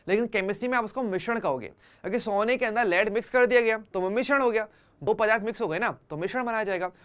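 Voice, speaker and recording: A man's voice: high voice, fairly bright tone, clean tone. A man teaching an online chemistry class for exam students, conversational, using everyday examples and often checking that students follow.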